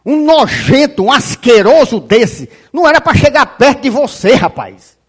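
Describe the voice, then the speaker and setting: High-voiced, shouting man preaching. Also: sing-song, normal speed, breathy edge. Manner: shouting, scolding, repeating "rapaz"; quotes scripture aloud. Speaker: pastor. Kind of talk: fiery sermon.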